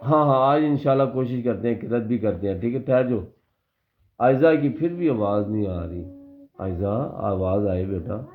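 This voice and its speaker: A woman teaching Quran recitation in an online lesson, patiently drilling words and modelling them slowly for her students. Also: a bass voice, lively intonation, narrow, tinny audio.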